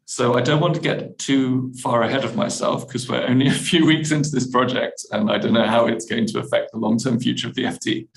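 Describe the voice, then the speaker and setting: A man's voice: medium pitch, gravelly, low-quality recording. A man, an app editor, answering questions in a webinar, hesitant with many restarts and fillers.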